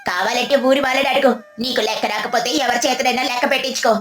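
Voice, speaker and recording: Woman doing a shrill, indignant merchant's wife. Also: steady tone, quick pace, lightly acted. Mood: furious. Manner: shouting, indignant. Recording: echoey, faint music behind.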